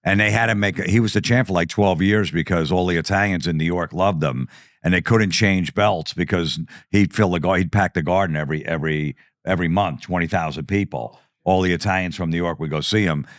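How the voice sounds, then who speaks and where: A man with a lowish voice tells a profane comic story from his youth in the New Jersey area. He acts out the people in it as he goes. The sound is dry and close to the mic. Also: fairly quick, no echo. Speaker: podcast guest. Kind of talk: comedic storytelling.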